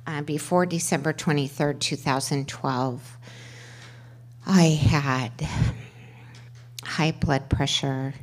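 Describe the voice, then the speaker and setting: At a twelve-step workshop, a middle-aged woman on the panel shares her personal story in a meeting room, holding a handheld microphone. Her voice is loud yet low, with a steady tone, and her speech halts with many fillers and restarts.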